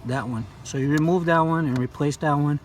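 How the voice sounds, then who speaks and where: Phone in one hand, a Brazilian DIY YouTuber with a Brazilian Portuguese accent demonstrates a car repair as he goes, his casual explanation loose, repetitive and stop-start. He speaks a little fast in a fairly high voice, with a little hiss or hum on the audio.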